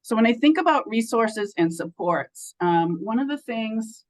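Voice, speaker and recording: A woman's voice: fairly high pitch, lively intonation, measured pace, poor audio. A woman presenting a state program on a video call, conversational and enthusiastic with many fillers.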